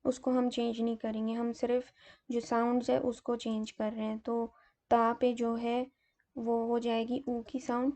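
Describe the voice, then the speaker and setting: A woman delivers a grammar lesson at an unhurried pace, walking through each example methodically. Her voice is gravelly and mellow, a little higher than usual but held to a flat, even melody. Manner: slow, methodical explaining with fillers. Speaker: teacher.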